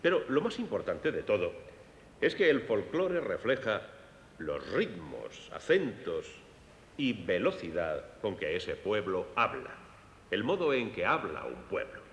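A man's voice: wildly swooping pitch, unhurried, lo-fi sound, exaggerated voice. A man with a Castilian Spanish accent dubbing a lecture on music for young listeners, explaining in a teaching manner and speaking to them directly. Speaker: presenter of a children's concert lecture. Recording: echoey hall with long reverb and faint rumble.

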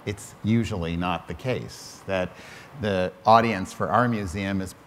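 Middle-aged male panelist, low-ish voice, reflective, restarts phrases; hall reverb, faint noise. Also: measured pace. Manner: thoughtful, restarts phrases often. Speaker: museum director on a panel. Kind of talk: panel discussion. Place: large hall on a stage before an audience.

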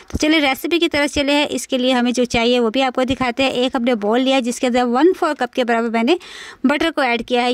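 A woman narrating a home cooking video, patiently explaining each step and repeating instructions. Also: high-pitched. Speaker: cooking vlogger. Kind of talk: recipe voice-over narration.

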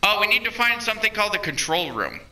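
A man's voice: sits high, big pitch swings, fast talker, pushed and bright. A young man giving casual, joking commentary while playing a co-op video game. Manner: joking, playful.

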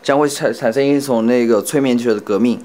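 A man's voice: medium pitch, quick pace, dark tone. A man interpreting live in short phrases, sometimes repeating words as he goes.

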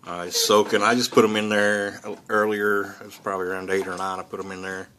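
A man with a low, bright voice talks. He sounds like a hobbyist hosting his own casual vlog, with plain hillbilly phrasing. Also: flat delivery, fairly quick, slight background noise. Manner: folksy hillbilly talk. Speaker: hobbyist host of model-building videos. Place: indoors at a hobby workbench.

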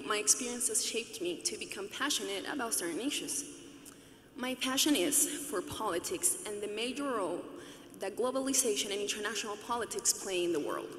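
A woman's voice: mid-range voice, fairly bright tone. A young woman from Venezuela speaks at a podium in a big arena, earnest and chatty, with a touch of humor. Her voice carries a roomy echo and a long hall reverb, with a faint ambient hum underneath. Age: 20s. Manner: earnest, conversational, lightly humorous. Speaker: student commencement speaker. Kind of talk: graduation speech. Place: large arena stage, at a podium. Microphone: podium microphone.

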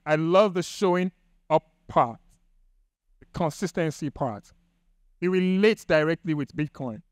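A man's voice: a little high, measured pace, dry recording, clean studio sound, soft background music. A man with a Nigerian accent hosting an event, explaining points to the audience in an instructive way and repeating key ideas. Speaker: event host.

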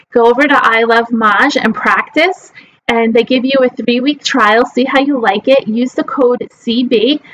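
A woman's voice: a little high, fairly bright tone, lo-fi sound. A woman in her forties teaching a live online class at a webcam, explaining step by step with frequent ums. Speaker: mah jongg teacher.

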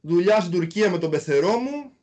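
A man from Greece, a former basketball player, telling his own story in a casual interview, animated and fond of repeating little filler words. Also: high-pitched.

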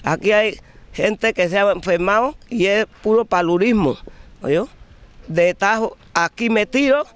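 A woman's voice: mid-range voice, dry recording. A woman in her eighties complaining wearily in an outdoor interview, into a handheld mic. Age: 80s. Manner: slow, weary complaint. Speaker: displaced elderly woman interviewed. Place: outdoors on open field. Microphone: handheld reporter mic.

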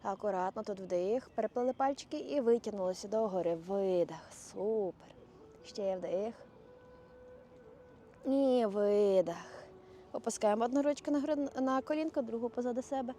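Woman running a yoga class, calm breath cues, mellow voice, kinda high, faint outdoor noise behind. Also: normal speed. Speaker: yoga instructor.

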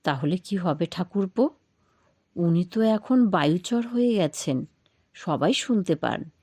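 A woman voicing a timid young sister-in-law in a spoken ghost story, speaking quietly and nervously. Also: lowish voice, lively intonation, a little slow, dry recording. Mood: fearful.

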